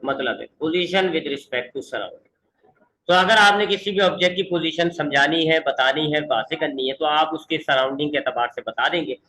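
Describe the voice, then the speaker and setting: A man teaching a physics lesson online. He speaks slowly and deliberately, repeating points and switching between English definitions and explanation. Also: fairly high pitch, bright, forceful tone, a little hiss or hum, low-quality recording. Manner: mixes English definitions into Urdu-flavored explanation, repeats for emphasis. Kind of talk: online classroom lecture.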